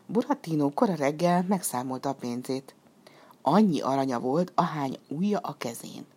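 A woman narrating a storybook in a lively, expressive reading voice. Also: deep voice, husky.

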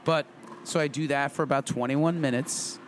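A man's voice: on the high side, fairly even intonation, moderate pace, a little hiss or hum. A middle-aged man hosting a podcast, chatting casually in an upbeat, emphatic way that repeats phrases. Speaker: podcast host. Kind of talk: casual motivational podcast chat.

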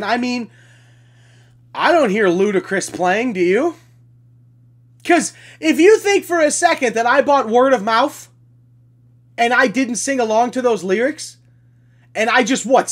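A woman's voice: fairly high pitch, animated, a little slow. A woman hosting a podcast, delivering a sarcastic, profanity-laced ranting monologue in a combative tone. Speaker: podcast host.

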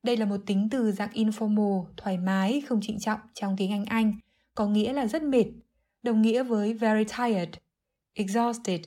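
A woman giving an English vocabulary lesson, explaining clearly and methodically, word by word. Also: medium pitch, steady tone, moderate pace, warm tone. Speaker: English teacher.

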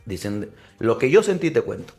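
A young man, a podcast guest telling an animated personal story and calling the listener brother. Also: medium pitch, normal speed, faint music behind. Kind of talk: storytelling in casual interview.

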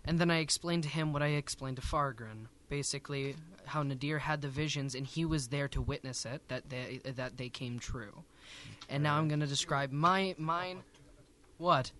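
A man's voice: fairly high pitch, normal speed, sharp tone. A man speaking hesitantly as a player in a casual tabletop game, often restarting his sentences.

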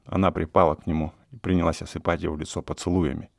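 A man narrating a classic story in a measured storytelling manner. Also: low voice, flat delivery, creaky, no room sound, studio quality. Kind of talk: audiobook narration of classic prose.

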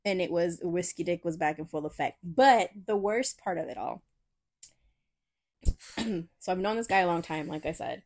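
A woman's voice: on the low side, normal speed, long pauses. Profane young woman telling a wild story. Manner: profane, animated storytelling with laughs. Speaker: podcast co-host. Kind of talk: casual storytelling chat.

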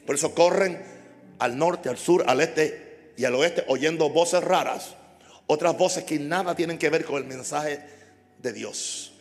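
Man pastor, impassioned sermon, slightly high voice, echoing church hall. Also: unhurried. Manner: impassioned, builds to shouting with repeated phrases.

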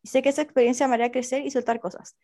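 A woman's voice: high-pitched, level tone, rapid-fire, mellow. A young Chilean woman co-hosting a podcast, chatting playfully and reading listener messages aloud. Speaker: podcast co-host.

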